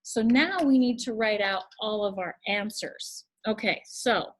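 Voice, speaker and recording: A woman's voice: mid-range voice, measured pace. A woman teacher explaining a math problem step by step in a recorded video lesson, patient and thinking aloud.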